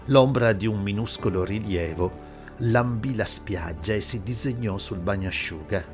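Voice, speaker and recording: A man narrates a story in a steady, measured way, his voice sitting on the low side. A soft bed of music is just audible beneath the reading. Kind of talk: audiobook narration. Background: faint background music.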